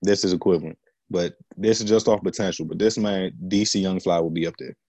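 Low voiced guy hosting a loose chat with friends, slangy, asks questions, dry close sound. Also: steady tone, brisk, dark tone, dry recording. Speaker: podcast host. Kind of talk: casual chat.

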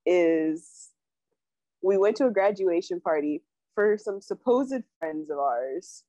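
A woman's voice: lowish voice, takes it slowly, dry recording. A young woman hosting a casual chat podcast, telling a story and acting out what people said. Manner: animated storyteller, acts out quotes. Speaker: podcast co-host. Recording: dull lo-fi sound.

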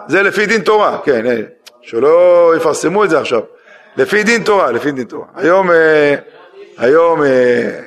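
A man, a rabbi, giving a sermon that tells a story through acted-out dialogue and questions to the listeners. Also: fairly high pitch. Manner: acts out dialogue in a story, lively questions to the audience.

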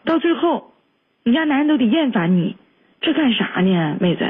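Woman host, Northeastern Chinese accent, blunt and scolding, husky voice, thin phone-line sound. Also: on the high side, very animated, moderate pace. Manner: blunt, scolding, big-sisterly. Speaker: radio advice host. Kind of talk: call-in advice talk.

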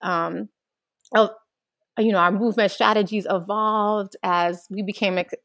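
A young adult woman answering an interview question, speaking earnestly in long, flowing thoughts that grow lively when she recalls childhood. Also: medium pitch, unhurried, no echo, studio quality. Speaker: guest, organizer.

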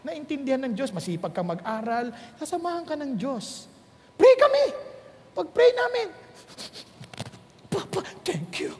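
A middle-aged man preaching a sermon, telling stories with laughter and lively swings. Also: very high voice, moderate pace, a little hiss or hum. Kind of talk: sermon in mixed Tagalog and English. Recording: long hall reverb.

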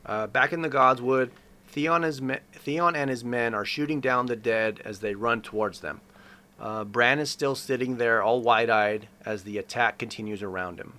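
A man's voice: mid-range voice, moderate pace, sharp tone. A man casually narrating a TV episode scene by scene, opening most sentences with an "uh.". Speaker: co-host recapping a TV episode.

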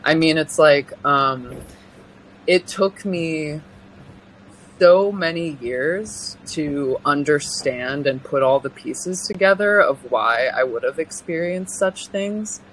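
Earnest and halting, a young California woman with a deep voice recounts personal testimony as an interview guest, often pausing and starting over. It's a rough recording with a little hiss or hum.

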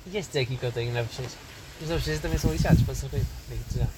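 A man's voice: medium pitch, rapid-fire, crowd noise. A young man with a Portuguese accent, chatting casually as podcast co-host, joking in slang and acting out people in his stories. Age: young adult. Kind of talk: casual chat.

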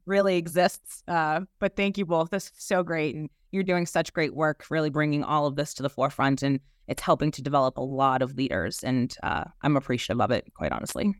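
A woman's voice: low-pitched, a little fast, few pauses, dry recording. A woman with a Boston accent speaks as an interview guest in a dry, close recording. She talks conversationally and makes her points with emphasis, often checking in with a short questioning tag at the end. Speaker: interview guest, human resources executive.

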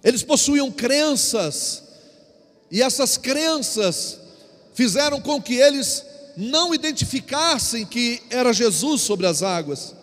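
A man's voice: very high-pitched, takes it slowly. A man preaching a Sunday sermon with a Brazilian accent, telling stories animatedly and acting out quotes with humor. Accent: Brazilian Portuguese. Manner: animated storytelling preacher, acts out quotes with jokes. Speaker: apostle preaching. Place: church. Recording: long church-hall reverb with faint music.

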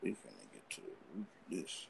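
A man's voice: sits low, sing-song, brisk, creaky. A man in casual chat on a call, his voice fading as the audio cuts out. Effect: audio cutting out, voice fading in and out. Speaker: co-host planning a new show. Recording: noisy line with dropouts.

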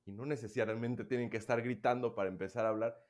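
A man who works in child welfare, explaining in a casual conversation and acting out loud and hushed examples. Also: mid-range voice, fairly even intonation, fast.

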